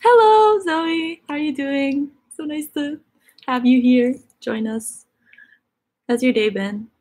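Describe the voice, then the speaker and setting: A woman with a high, slightly mellow voice speaks slowly, chatting casually on a live stream and reading viewers' questions aloud. Her first language is Egyptian Arabic, and her talk is chatty and full of fillers.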